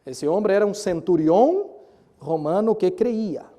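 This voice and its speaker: A man with a high, ringing voice preaching a sermon. He swings between bursts of near-shouting and hushed, intimate asides, and calls to his congregation as he acts out the story. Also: lively intonation, measured pace. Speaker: pastor.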